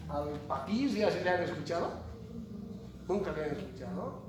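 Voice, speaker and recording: Brief: male professor, bright high voice swinging up and down, miked from far back in a booming classroom. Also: normal speed. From Bolivia. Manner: animated, jokey, asks the class questions. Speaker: university lecturer. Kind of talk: classroom lecture. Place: large echoey classroom. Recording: echoey classroom from far off, noisy.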